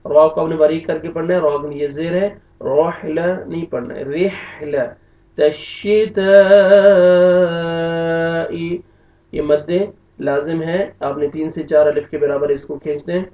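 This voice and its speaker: A man teaching Quran recitation, spelling out letters and vowel marks, then reciting slowly with long drawn-out notes, in a Pakistani Urdu accent. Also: a little high, steady tone. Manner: slow drawn-out recitation alternating with brisk explanation. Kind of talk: tajweed lesson, spelling out and reciting. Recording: roomy, distant, dull lo-fi sound.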